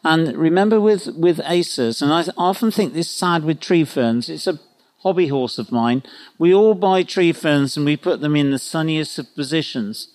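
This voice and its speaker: Opinionated man with a highish voice. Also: normal speed, a little mellow. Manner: opinionated, anecdotal, rambling. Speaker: expert panellist, nurseryman. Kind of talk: unscripted gardening advice.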